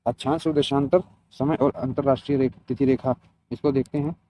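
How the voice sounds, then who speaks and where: Here a male geography teacher for competitive-exam students reads a scripted lesson aloud, pausing for short explanations. His mid-range voice is warm and fairly even in intonation, moving a little fast. The recording sounds muffled, dull and lo-fi.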